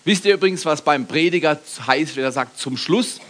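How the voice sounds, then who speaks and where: Ein Prediger, lebhaft und fragend. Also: male voice, a little high, a little fast. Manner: lively preaching, asks the congregation questions, laughs at own jokes. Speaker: pastor. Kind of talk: sermon.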